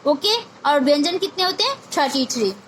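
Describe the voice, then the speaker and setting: A woman's voice: sits high, animated, brisk, fairly bright tone, slight background noise. A woman teaching a grammar lesson to young children, repeating each point and asking questions she answers herself, mixing in English words.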